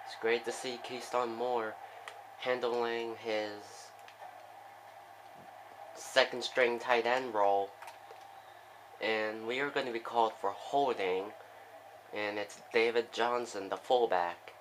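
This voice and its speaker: A young man giving casual play-by-play commentary on a football video game, with excitable bursts on big plays and chatty asides. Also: mid-range voice, slow pace, pauses often, slight background noise, rough recording.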